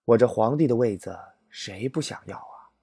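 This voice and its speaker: A man's voice: medium pitch, vocal fry, warm tone, slightly rough, no echo, studio quality, pitched below the performer's own voice. Man playing a weary, scheming emperor. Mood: brooding. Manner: slow, drawn-out sighing delivery. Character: scheming ancient male emperor, weary and shrewd.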